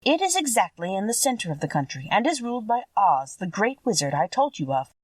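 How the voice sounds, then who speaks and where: A woman's voice: mid-range voice, big pitch swings, brisk, dry recording, distant mic. A woman voicing a kindly, solemn little old good witch in a storybook reading. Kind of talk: audiobook character voice.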